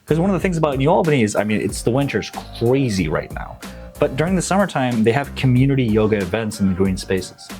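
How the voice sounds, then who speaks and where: A man's voice: mid-range voice, sing-song, quick pace, a little mellow, soft background music. A young man from Nepal, a real estate agent, talking up local suburbs in a casual, upbeat and slangy promotional vlog.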